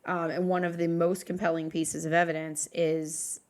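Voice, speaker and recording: Lowish-voiced woman walking through her notes. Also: flat delivery, normal speed, a little mellow. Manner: talks through researched notes with many fillers and restarts. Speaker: podcast co-host leading the episode. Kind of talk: casual podcast chat.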